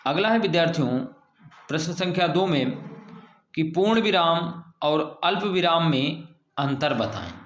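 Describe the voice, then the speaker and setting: A man's voice: a little high, expressive, unhurried, dull audio. Man teaching, in an echoey room. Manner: patient, explanatory, repeats key points. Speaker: school Hindi teacher. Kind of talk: recorded grammar lesson for students.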